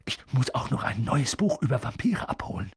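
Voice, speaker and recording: A man's voice: mid-range voice, big pitch swings, fairly quick, creaky, breathy edge, no echo, full character voice. A man voicing a pale, twitchy young professor who stammers in a nervous half-whisper.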